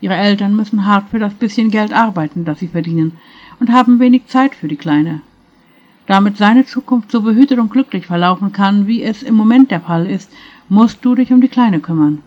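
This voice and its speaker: A woman's voice: medium pitch, moderate pace, highs cut off, close to an everyday voice. Patient, kind middle-aged man, as a woman reads him. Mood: earnest. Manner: patient, gentle. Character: gentle middle-aged male spirit guide, patient and kind.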